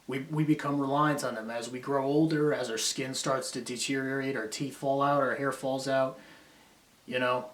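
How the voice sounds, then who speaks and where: A man's voice: mid-range voice, level tone, normal speed. Guy in an echoey room going off on a long swearing rant, mid voice, kinda philosophical and self-hating. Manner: profane, drifting, philosophical ranting. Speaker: vlogger. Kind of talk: rambling self-critical monologue. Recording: roomy echo.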